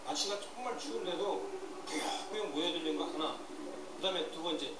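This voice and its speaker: A man's voice: on the high side, fairly quick. A man giving reflective live commentary as a panelist outdoors at a street rally. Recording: echoey, distant, very noisy outdoor broadcast.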